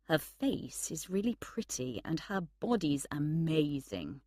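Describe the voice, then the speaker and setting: A woman reading the flat, uninterested lines of a carefree young man in a storybook reading. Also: deep voice, takes it slowly, no echo, clean studio sound, heavily acted.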